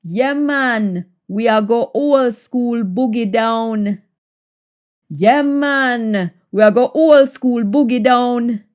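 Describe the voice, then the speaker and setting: Woman, Jamaican accent, Patois teacher, fairly high pitch, slow deliberate delivery, repeated practice phrases. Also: darkish tone. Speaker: language teacher. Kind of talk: Jamaican Patois lesson, practice sentences said in English then repeated in Patois.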